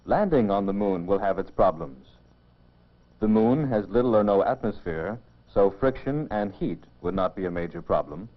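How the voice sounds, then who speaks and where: Heard on a dull old film soundtrack, a man with a lowish, expressive voice gives scripted narration for a mid-century educational film. His delivery is measured and explanatory.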